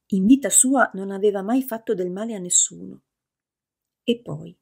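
A woman narrating a novel as an audiobook in a steady, measured reading. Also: medium pitch, creaky, husky.

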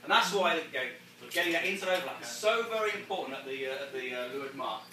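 A man debriefs a group of sailors after a race, explaining casually with lots of restarts and laughter. His mid-range voice is fast with lively intonation. He sits far from the mic in an echoey room, with faint noise.

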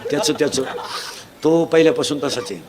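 A man's voice: fairly high pitch, brisk, a crowd in the background, pitched below the performer's own voice, close to an everyday voice. A man voicing an indulgent village mother who defends her spoiled son, fond and excusing in a rustic way.

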